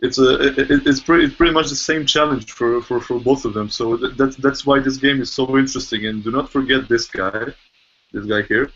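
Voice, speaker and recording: A man's voice: mid-range voice, fairly even intonation, brisk, a bit bright. Easygoing male panelist on a call. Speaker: correspondent panelist. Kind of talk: casual panel discussion. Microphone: video call. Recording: muffled online call audio.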